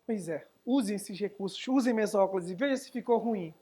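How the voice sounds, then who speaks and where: A man's voice: high voice, normal speed, mellow, slight background noise. Chatty male writing teacher. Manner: chatty, answering viewers' chat questions. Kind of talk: live online class.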